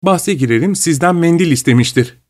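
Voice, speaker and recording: Man doing a prankster young woman, high, loud, mocking, storybook. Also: lively intonation, a little fast, natural voice. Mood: teasing.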